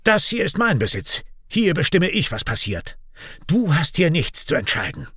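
Angry, harsh clansman who shouts and sneers, pitched up high, played by a man. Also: expressive, normal speed, dry recording, studio quality. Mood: furious. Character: angry, hot-tempered man, clan homeowner. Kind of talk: audiobook character voice.

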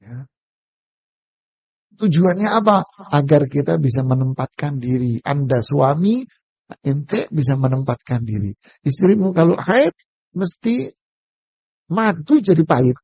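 A man's voice: fairly high pitch, animated, unhurried, vocal fry, pauses often, husky, no room sound, dull audio. A man giving a casual, humorous religious lecture, joking with and speaking directly to his audience. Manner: jokey, talks straight to the audience. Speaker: Islamic preacher.

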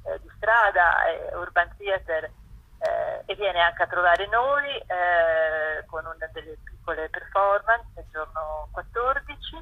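Speaking slowly in a fairly low, creaky voice with lively intonation, a woman curator of a festival describes its programme as an interview guest. She's informal and unsure, groping for words along the way. There's no room sound, and the recording comes through a dull, lo-fi phone-style line.

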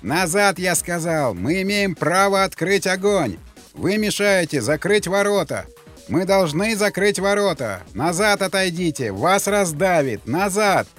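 A man's voice: high voice, animated, moderate pace, faint music behind, voice pushed up. A man voicing a stern male military officer who barks orders at a crowd. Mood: commanding shout. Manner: barking orders.

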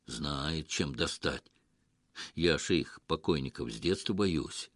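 A man voicing a gruff, grumbling village man with a hoarse voice in an audiobook story. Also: extremely low pitch, expressive, slow pace, no room sound, studio quality, voice pushed down, heavily acted. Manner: grumbling, stern.

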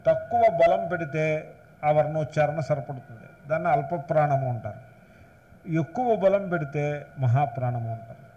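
A man's voice: a little high, warm tone. A man giving a discourse on scripture as a spiritual teacher, explaining points patiently and stressing syllables to show how to recite them. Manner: explanatory, mixes English phrases, stresses syllables while demonstrating recitation. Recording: dull lo-fi lecture recording with faint hiss.

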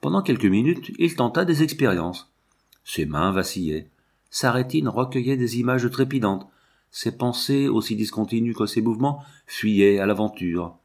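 A man narrating a novel as an audiobook, reading in a measured, expressive way. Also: mid-range voice.

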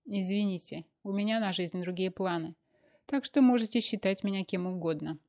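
A woman reading an audiobook voices a young man who speaks calmly but cuttingly and with contempt. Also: medium pitch, normal speed, lightly acted. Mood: scornful. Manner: calm, cutting, scornful.

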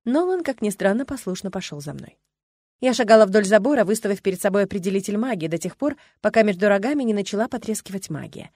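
A woman's voice: mid-range voice, lively intonation, fast talker, a little mellow, dry recording. Woman narrating an audiobook, dry sound. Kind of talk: first-person audiobook narration.

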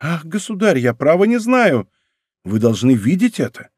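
A man's voice: a little high, big pitch swings, normal speed, a little mellow, slightly rough, no room sound, clean studio sound. A man voicing a proud young princess in an audiobook, pleading and slightly mocking. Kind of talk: audiobook character reading.

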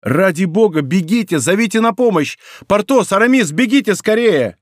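Male reader voicing an impulsive young hero, higher, urgent shouts, lively swings. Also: measured pace, no echo, studio quality. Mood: desperate. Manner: exclamatory, urgent crying out. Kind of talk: audiobook role reading.

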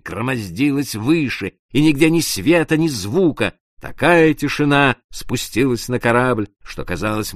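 Man, audiobook narrator, dramatic measured reading, very animated pitch, dry recording. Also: no echo. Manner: measured, hushed at tense moments.

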